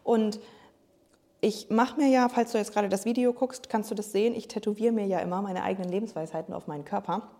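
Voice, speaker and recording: A woman's voice: mid-range voice, fairly even intonation, fast talker, mellow. A woman weight-loss coach talking in a casual, slangy, motivational podcast monologue.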